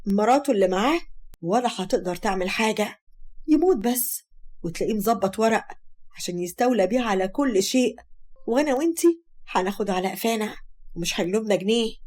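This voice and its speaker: A woman's voice: mid-range voice, animated, fast, a little mellow, natural voice. A woman with an Egyptian accent voicing a harsh, scheming mother who scolds sharply. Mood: scolding. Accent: Egyptian Arabic.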